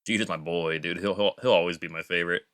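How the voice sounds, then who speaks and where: Deep-voiced, laid-back podcast man. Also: fairly even intonation, fast talker, fairly bright tone, no echo. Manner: laid-back, says "like" and "dude" a lot. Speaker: podcast co-host. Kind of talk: casual gaming podcast chat.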